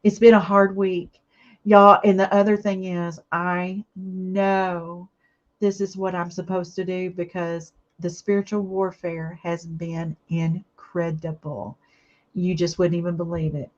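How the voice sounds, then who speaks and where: A woman's voice: on the low side, fairly even intonation, takes it slowly, muffled recording. A woman, teary and emotional, chatting with viewers and answering their comments during a craft live stream. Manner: warm, emotional, reads viewer comments aloud and answers them.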